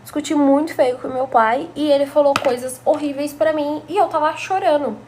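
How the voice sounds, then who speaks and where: A woman's voice: sits high, moderate pace, a little mellow, a little hiss or hum. A young woman from Brazil telling a personal story to her viewers in a chatty, gossipy way. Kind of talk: casual storytime narration.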